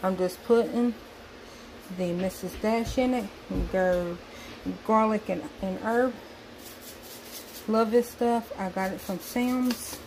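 A Southern woman with a mid-range, slightly mellow voice talks slowly and pauses often while casually explaining each step of cooking dinner in her home kitchen. The noisy recording was made on a handheld phone camera.

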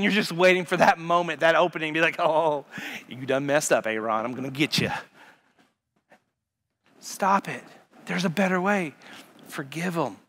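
Bright, high-voiced preaching man. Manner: emphatic, repetitive preaching with sudden loud punches. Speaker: pastor. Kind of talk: sermon. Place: church sanctuary.

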